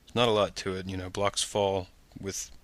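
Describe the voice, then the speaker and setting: Low-voiced laid-back podcast host man. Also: flat delivery, moderate pace, a bit bright, no room sound. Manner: laid-back, rambling with ums. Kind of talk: casual podcast chat.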